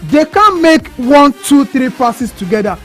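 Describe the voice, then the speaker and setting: Nigerian man, radio sports pundit, high voice, blunt and critical, repeats himself, faint music. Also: big pitch swings, measured pace. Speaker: studio pundit. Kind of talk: studio sports debate.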